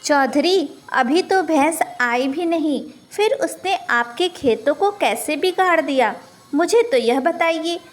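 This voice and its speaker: A woman voicing a stingy, hot-tempered old village husband who talks gruffly and makes threats. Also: high-pitched, animated, unhurried, a little mellow. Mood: pleading.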